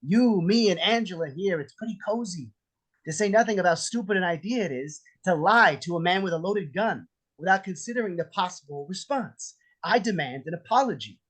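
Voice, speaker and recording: A man's voice: high voice, lively intonation, brisk, fairly bright tone, breathy edge, heavily acted, low-quality recording. A man playing a menacing, jealous armed husband in a script read, sarcastic, theatrical and profane. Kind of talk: table read of a film script. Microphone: video call.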